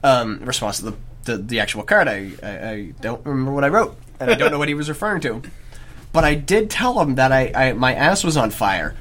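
A man's voice: medium pitch, sing-song, a little fast, a bit bright. A young man from Canada hosting a podcast in casual chat, rambling and restarting his sentences. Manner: rambling storyteller, trails off and restarts. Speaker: podcast host.

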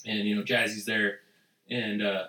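A man's voice: level tone, a little slow, sharp tone, echoey room, far from the mic, low-quality recording. A man co-hosting a podcast, rambling crudely through stories in casual chat. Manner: rambling, crude, acts out quotes in a high voice.

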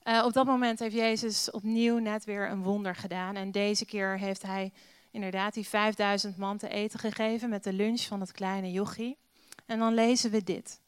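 Woman preacher, sermon with scripture reading, easygoing and full of rhetorical questions, smooth voice, dry close sound. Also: medium pitch, dry recording. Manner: conversational, many filler sounds, rhetorical questions.

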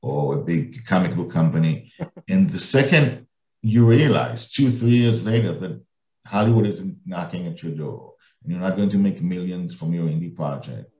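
A man's voice: sits low, lively intonation, normal speed, darkish tone. A man hosting a podcast, talking in a casual interview chat. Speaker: podcast host. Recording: echoey, dull lo-fi room sound.

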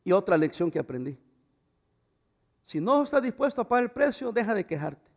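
High-voiced preaching pastor. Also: male voice, sing-song, a little fast. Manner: swings from loud fervent preaching to quiet intimate asides. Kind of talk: sermon.

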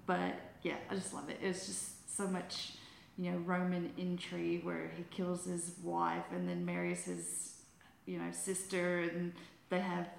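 A woman's voice: on the low side, monotone, a little slow, vocal fry. An American woman with an Alabama accent, chatting casually and animatedly about books on a podcast. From United States. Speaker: podcast panellist. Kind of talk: casual book chat on a podcast. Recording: roomy echo, faint background noise.

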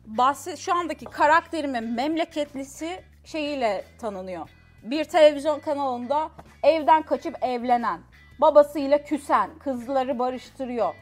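A woman co-hosting a casual show, teasing the players with riddle-like clues and quickly turning down their wrong guesses. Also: high-pitched, faint music behind. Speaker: co-host. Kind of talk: casual chat, giving clues in a guessing game.

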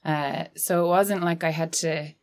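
Irish woman from the west, galway accent, low voice, chatting thoughtfully in an interview. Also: steady tone, measured pace, darkish tone. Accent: west of Ireland. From County Galway, Ireland. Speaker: documentary filmmaker, interview guest. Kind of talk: casual podcast interview.

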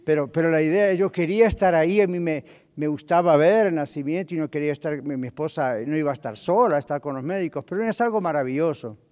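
A middle-aged male pastor preaching a sermon, animated and full of rhetorical questions. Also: a little high, fast, few pauses. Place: church hall. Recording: long hall reverb.

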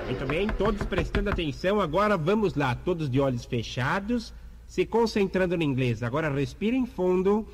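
A man's voice: high voice, expressive, moderate pace, big-room sound, noisy background. A man playing a pompous, self-important mock English teacher in a radio comedy sketch, lecturing grandly.

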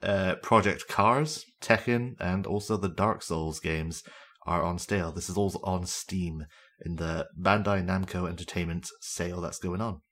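A young man with a fairly low voice hosts a podcast on his own. He chats casually about games, rambling along with plenty of fillers and the odd self-deprecating aside. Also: steady tone, unhurried, a bit bright. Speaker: podcast host.

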